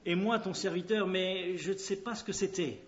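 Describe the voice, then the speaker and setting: Guy reading an eager young runner, urgent and pleading, high voice, dull lo-fi sound. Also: fairly even intonation, moderate pace, close to an everyday voice. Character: eager young messenger, keen to run. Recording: dull lo-fi recording.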